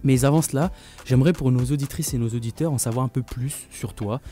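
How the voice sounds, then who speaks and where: A man's voice: mid-range voice, a little fast, mellow, faint music behind. A man hosting a radio interview show, talking in a jokey, playful way in a studio.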